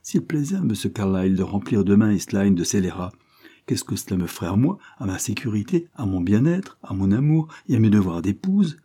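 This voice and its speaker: A man reading an audiobook voices a proud young wife who speaks with fervent, accusing emphasis, lifting his voice higher for her. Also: very animated, fairly quick, dark tone, husky. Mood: indignant.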